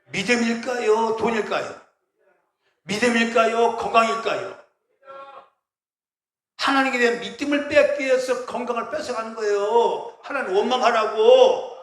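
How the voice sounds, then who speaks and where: A man's voice: very high voice, echoey room. A man preaching a sermon as pastor, emphatic and often questioning his congregation. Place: church.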